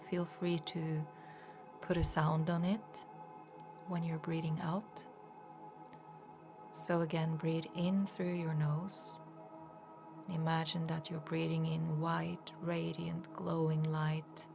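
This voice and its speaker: In a low, soft voice, a woman guides a meditation as an energy healer. Her pace is soothing and unhurried, and her phrases trail off breathily.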